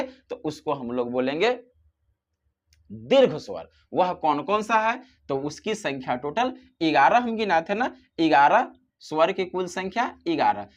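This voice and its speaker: A teacher giving a grammar lesson, posing questions and answering them, drawing out example sounds to show their length. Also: medium pitch. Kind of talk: classroom-style grammar lesson.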